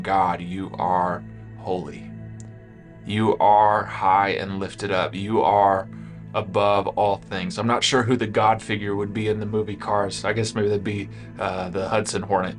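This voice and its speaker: Young pastor guy, lowish voice, easygoing and joking, filmed indoors with soft music under it. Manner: lighthearted, conversational with fillers. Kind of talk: recorded small-group sermon. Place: indoors with a cameraman.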